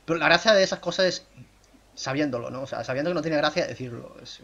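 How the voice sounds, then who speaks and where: A man's voice: quick pace, vocal fry, highs cut off. A young man giving casual, self-mocking gameplay commentary into a desk microphone. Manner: chatty, self-mocking, bursts into excited high shouts. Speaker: gaming YouTuber.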